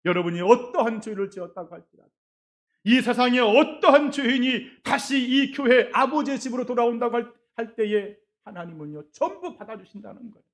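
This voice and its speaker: A middle-aged man, a pastor, preaching a sermon in a church, acting out quoted voices and swinging between loud and soft. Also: very high-pitched, brisk. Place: church sanctuary.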